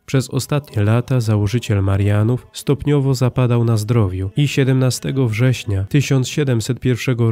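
A man reading a scripted account of a saint's life in an even, solemn manner, closing with a prayer. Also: medium pitch. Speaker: narrator.

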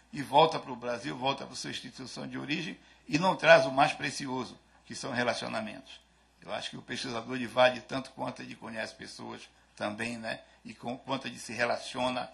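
Older male conference speaker from Brazil, gravelly bright tone, halting delivery, podium mic. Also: medium pitch. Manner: hesitant, many restarts and fillers. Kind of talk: conference talk. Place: lecture hall, at a lectern. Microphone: podium microphone on a stand.

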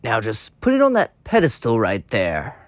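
A man's voice: medium pitch, huge pitch swings, moderate pace, dry recording, clean studio sound, pitched below the performer's own voice. A man voicing a sly, scheming cartoon villain with a smug, coaxing manner in a comedic fan dub.

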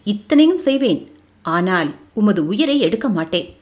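A woman's voice: medium pitch, very animated, moderate pace, a little mellow, close to an everyday voice. A woman voicing a stern, menacing young male army commander in an audio novel, speaking with a cold threatening tone.

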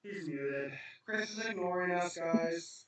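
A man's voice: high-pitched, takes it slowly. Defensive man in an echoey room. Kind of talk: casual voice chat. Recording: echoey, distant mic.

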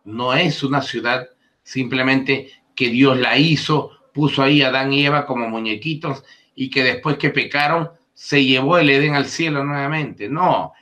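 A man giving a Bible lesson, explaining the Hebrew words of a passage and reading verses aloud with deliberate stress on key words. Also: medium pitch, bright, forceful tone. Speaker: Bible teacher.

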